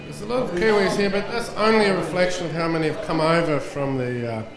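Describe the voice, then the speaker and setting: A man's voice: a little high, quick pace. A man chatting casually as an interviewed guest, rambling and jokey, often repeating himself. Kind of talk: casual chat. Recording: echoey, very loud music behind.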